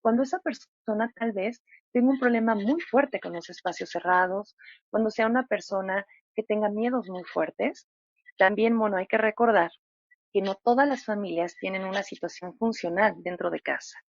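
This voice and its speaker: A woman in her thirties, a psychologist, giving expressive interview answers and acting out examples with lively voices. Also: medium pitch, normal speed, no room sound, dull audio. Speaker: psychologist guest.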